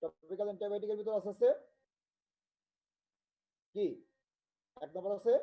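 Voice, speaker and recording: A man from Bangladesh giving an online medical tutorial, talking haltingly and repeating himself as he checks in with students. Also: high voice, steady tone, mellow, low-quality recording. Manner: halting, repetitive, with many restarts and check-ins. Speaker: medical lecturer.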